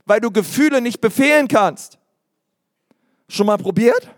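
A man preaching a sermon in an animated, emphatic way, with sudden loud exclamations. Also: very high voice, a little slow, no room sound, studio quality.

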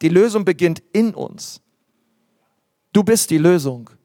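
Animated high-voiced man preaching. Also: a little slow, no room sound, studio quality. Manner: animated, emphatic preaching with repetitions and acted asides. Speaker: pastor. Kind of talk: sermon.

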